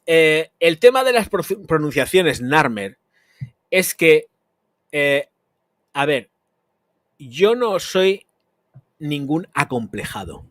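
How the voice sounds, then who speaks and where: A man's voice: fairly high pitch, no echo, clean studio sound. A man, a perfume channel host answering chat comments on a live stream in a blunt, crude, emphatic rant.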